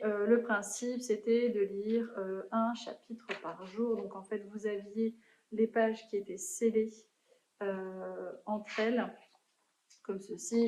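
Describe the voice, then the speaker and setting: A woman's voice: mid-range voice, dark tone, reverberant, lo-fi sound. A young woman chatting casually about books she has read, in a hesitant way with frequent fillers and restarts. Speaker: book vlogger. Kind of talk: casual book review chat.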